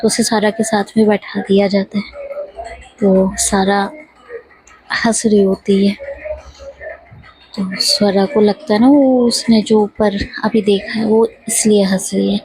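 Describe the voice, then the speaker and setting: A woman casually retelling a love story in a chatty way, with fillers and quick self-corrections of names, sometimes dropping to a hushed near-whisper. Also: medium pitch, flat delivery, breathy edge, no room sound, low-quality recording.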